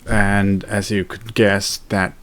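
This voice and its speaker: A man's voice: lowish voice, flat delivery, slow, a bit bright. A young man chatting casually in a daily vlog, rambling with fillers and self-corrections. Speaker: video blogger.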